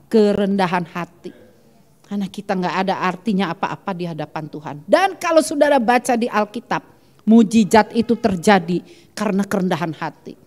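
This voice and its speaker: A woman pastor preaching a sermon in a church, animated, acting out the people in her stories, often turning straight to the congregation. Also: mid-range voice, long reverb tail. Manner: animated preaching, constantly addressing the congregation as "saudara".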